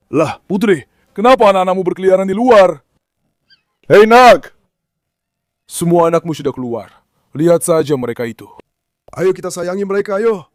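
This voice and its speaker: A man's voice: high-pitched, darkish tone, no echo, studio quality. A man hosting a farm vlog, speaking affectionately to his dogs and calling out repeated commands to them. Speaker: dog breeder and farm owner. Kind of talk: casual vlog narration.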